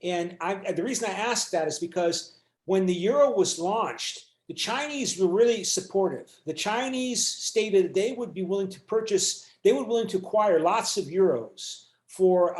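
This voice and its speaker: A man's voice: sits high, roomy sound. A man teaching an online university class, lecturing with many fillers and restarts over a video call. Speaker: university instructor.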